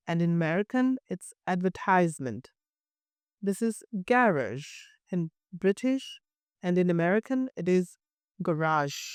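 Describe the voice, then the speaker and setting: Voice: medium pitch, a little mellow, clean tone, no room sound, clean studio sound. An IELTS teacher with a Bengali accent gives a bilingual lesson, explaining carefully and repeating example words to demonstrate them.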